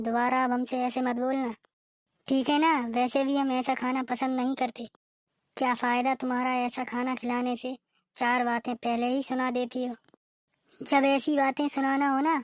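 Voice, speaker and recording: A woman's voice: sits high, no room sound, clean studio sound. A woman voicing a cheeky, defiant younger sister-in-law in a cartoon, talking back sharply. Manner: sassy, retorting. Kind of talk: cartoon voice acting.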